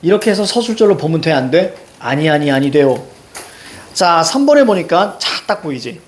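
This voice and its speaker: Middle-aged male teacher, brisk exam walkthrough, higher voice with very animated pitch. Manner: brisk, keeps saying "자" and checks in with students. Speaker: Korean grammar teacher. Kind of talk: classroom lecture, solving exam questions.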